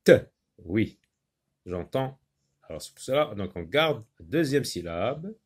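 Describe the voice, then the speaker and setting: A man teaching a phonics lesson to young children, slowly sounding out and repeating syllables, with frequent hesitations and short asides in another language. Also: fairly low pitch, sing-song, husky. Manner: slow, repeats words and syllables, explains in French with short Arabic asides; hesitant, many pauses and fillers.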